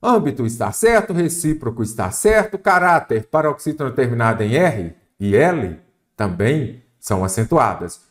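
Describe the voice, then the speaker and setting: A man's voice: mid-range voice, very animated, normal speed. A man with a Brazilian Portuguese accent teaches an exam-prep grammar lesson, asking questions and answering them himself. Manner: didactic, asks and answers his own questions.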